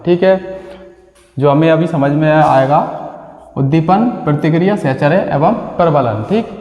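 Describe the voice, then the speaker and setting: A man's voice: fairly high pitch, measured pace, darkish tone, muffled recording. A male teacher giving an exam-prep lecture, often asking a question and then answering it himself with a repeated key word. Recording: echoey room with long reverb.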